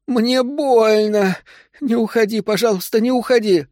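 A man's voice: high-pitched, unhurried, a little mellow, no room sound, studio quality, pitched above the performer's own voice. A man voicing a frightened young woman in painful labor, pleading desperately. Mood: wailing. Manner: desperate, wailing pleas.

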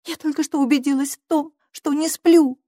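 Woman doing a high, insistent little girl. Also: steady tone, normal speed, dark tone, no room sound, clean studio sound, close to an everyday voice. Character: brave, curious young girl.

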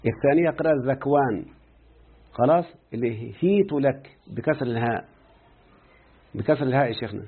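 A man with an Egyptian Arabic accent teaching a grammar lesson, who keeps quizzing his student and slowly repeats words. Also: medium pitch, lively intonation, breathy edge. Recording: tinny phone-like line.

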